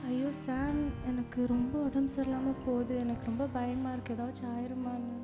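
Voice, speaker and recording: A woman playing a modest young wife in a church skit. Her soft voice is high and sounds roomy, with a long echo and music behind it. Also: completely flat delivery, a little fast, lightly acted. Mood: frightened. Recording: roomy echoey hall with music.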